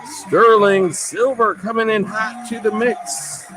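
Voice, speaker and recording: A man with a fairly high voice chats his way through a casual livestream, reading out comments and thanking viewers with upbeat enthusiasm. He laughs easily and keeps a friendly, rambling flow, with faint music playing underneath. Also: steady tone, slow. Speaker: livestream host. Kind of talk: casual live-stream chat, reading comments.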